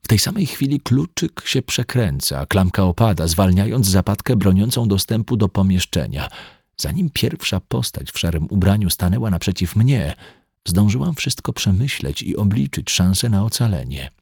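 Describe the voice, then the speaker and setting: Deep, husky male audiobook narrator. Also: normal speed, no room sound, studio quality. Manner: expressive, dramatic. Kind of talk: audiobook story reading.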